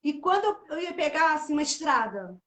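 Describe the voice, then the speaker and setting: A middle-aged woman, host of a live church chat series, shares an emotional personal testimony in a casual chat. Her high, sing-song voice is brisk and fairly bright in a roomy space, and she talks a lot, sprinkling in "né" constantly.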